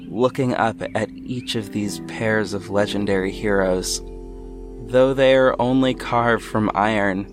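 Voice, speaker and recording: A man with a voice on the low side plays a reflective, earnest city hero. He narrates an audio drama in the first person, telling the story in a measured way.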